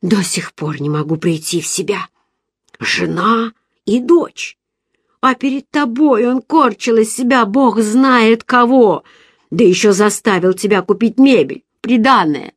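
A woman reader voicing an excitable, gossipy young woman friend who talks loudly in exclamations. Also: fairly high pitch, unhurried, husky, dry recording, studio quality. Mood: excited. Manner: loud, exclamatory, emphatic.

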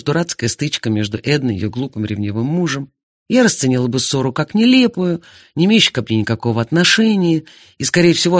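A man's voice: medium pitch, no room sound, clean studio sound. A man reading first-person narration in an audiobook, expressively. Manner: expressive, animated. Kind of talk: scripted narration.

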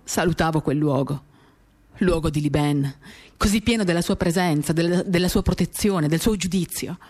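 Acoustic guitar accompanies a woman reading a novel for radio theatre, her monologue intimate, confiding and dramatic in short phrases. She speaks at a moderate pace in a fairly low, darkish voice.

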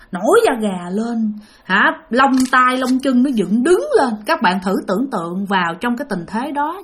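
A woman telling a ghost story, speaking dramatically and addressing listeners directly. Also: on the high side. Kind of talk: spoken ghost story narration.

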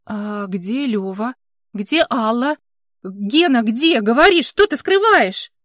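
An excitable actress demands answers in a shrill, high voice, as a woman reads her. She sounds anxious and pushy. The recording is dry. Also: normal speed, no room sound.

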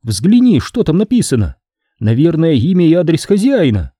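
A man's voice: fairly high pitch, wildly swooping pitch, moderate pace, mellow, no room sound, clean studio sound, voice pushed up. A man voicing a practical, firm but kindly mother in an audiobook story.

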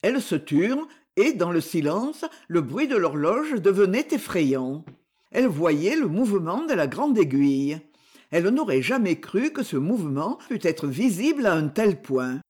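Expressive storybook narrator. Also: medium pitch, breathy edge. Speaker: audiobook reader. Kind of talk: scripted narration of a short story.

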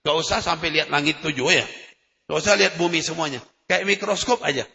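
A man preaching a sermon in a casual, emphatic way, his voice jumping up in loud bursts between calmer explanations. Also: on the high side, fast, gravelly. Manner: emphatic, conversational preaching with sudden loud rises. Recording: lo-fi echoey hall recording.

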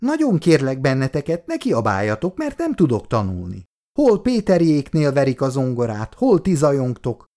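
A man's voice: mid-range voice, wildly swooping pitch, dark tone, voice pushed up. A male reader voicing an irritated young woman student who grumbles about noise. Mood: annoyed. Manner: grumbling, cross.

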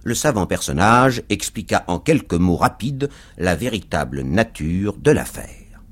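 A man reading a classic novel aloud for radio, in expressive, dramatic storytelling narration. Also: low voice, a little slow, breathy edge. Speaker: reader. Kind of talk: scripted literary narration for radio.

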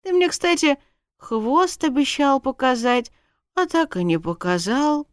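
A tipsy young princess bride, voiced by a woman reader, teasing in a high, sing-song voice that climbs well above the narration. She is cheeky and stubborn, her words giggly and lilting. The audiobook sound is dry and close. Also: lively intonation, a little slow, no room sound. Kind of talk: audiobook character voice.

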